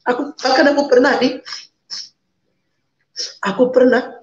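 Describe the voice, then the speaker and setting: A woman from Medan, North Sumatra, appears as a guest over a video call, giving an emotional personal testimony. Her high voice keeps a fairly even intonation and measured pace as she pleads and repeats phrases. The audio is roomy and dull, with a slight hiss or hum.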